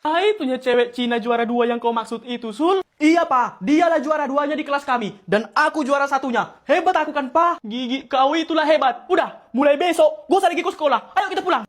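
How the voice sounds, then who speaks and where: Suara pria yang cukup tinggi, memerankan banyak tokoh dalam sketsa lucu. Gaya bicaranya keras, ribut, dan dilebih-lebihkan seperti adegan komedi. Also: male voice, very high voice, a little fast, pauses often. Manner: loud, bickering, exaggerated comic delivery. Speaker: comedy sketch creator. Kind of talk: comic sketch acting, many roles.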